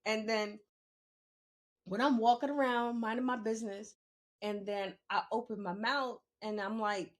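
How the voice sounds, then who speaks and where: In an unhurried, higher-pitched voice with fairly even intonation, a New York City podcast host in her fifties, Bronx-born and Queens-raised, talks frankly and forcefully in a conversational monologue, repeating phrases to drive points home.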